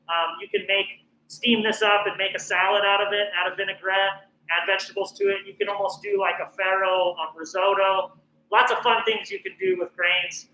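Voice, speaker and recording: A middle-aged man from northern New Mexico teaches a cooking class in a chatty, encouraging way, often pausing on "um." His voice sits high and sounds bright. The recording has a noticeable echo and a faint hiss underneath. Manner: chatty, encouraging, frequent "um" fillers. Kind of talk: casual cooking presentation.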